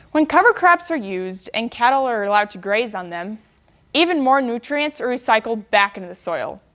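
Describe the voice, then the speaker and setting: A woman's voice: fairly high pitch, fairly bright tone. A young woman giving a prepared contest speech, with a stiff, rehearsed delivery that sounds memorized.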